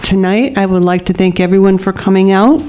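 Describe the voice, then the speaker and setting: A woman's voice: medium pitch, fairly quick, mellow. A woman chairing a public meeting with short procedural remarks. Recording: clearly noisy meeting room.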